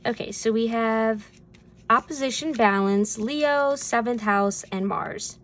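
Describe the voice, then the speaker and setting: A woman's voice: a little high, takes it slowly, fairly bright tone, slight background noise. A woman giving a casual spoken tarot reading, chatty and rambling, with frequent fillers and easy laughs. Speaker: tarot reader.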